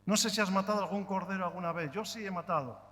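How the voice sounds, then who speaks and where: A man delivers a fervent sermon in a high, bright voice. He presses his listeners with rhetorical questions and moves near-shouts to hushed lines. His voice rings with the long reverb of a large church hall. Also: fast. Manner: impassioned, rhetorical questions, swings between loud and hushed. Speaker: preacher.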